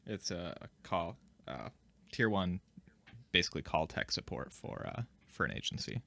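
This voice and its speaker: A man's voice: deep voice, animated, normal speed, vocal fry, sharp tone. A man chatting casually on a podcast, feeling his way through sentences in an informal, hesitant way. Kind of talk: casual chat.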